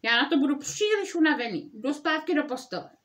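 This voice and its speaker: A woman's voice: high voice, sing-song. Žbluňk, a woman voicing a grumpy sleepy toad. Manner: grumbling, whiny, drowsy. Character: sleepy grumpy male toad, storybook friend.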